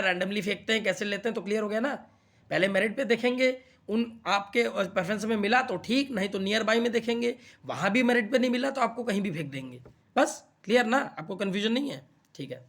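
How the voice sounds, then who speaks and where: A man's voice: sits high, fairly bright tone. A young man coaching exam students in a chatty, explaining way, often checking that they follow. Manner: chatty, repeats "theek hai na" to check understanding. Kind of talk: casual explainer talk to students.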